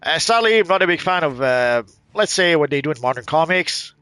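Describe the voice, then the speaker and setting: Fairly high-pitched, animated and fairly quick, his bright, forceful voice comes through clean with no room sound. He is a middle-aged Quebecer with a mixed Quebec French accent who hosts a gaming channel, commenting casually while he plays. His delivery rambles and hesitates, with many fillers and restarts.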